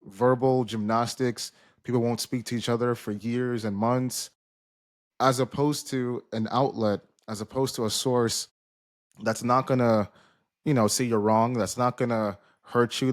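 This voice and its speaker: A man hosts an interview podcast with an easy, casual delivery. He strings his questions together loosely, circling back as he goes. His voice sits at an ordinary middle pitch. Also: fairly even intonation, a little slow. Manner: rambling, loosely strung questions. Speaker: podcast host.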